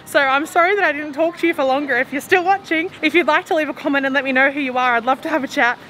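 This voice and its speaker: A woman's voice: sits high, sharp tone, low-quality recording. A young woman vlogging to a handheld camera as she walks through the city, chatting in a rambling way and often laughing. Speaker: travel vlogger. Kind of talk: casual walking vlog. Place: outdoors on busy city streets. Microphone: handheld camera at arm's length. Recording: street noise behind. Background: traffic and city street noise.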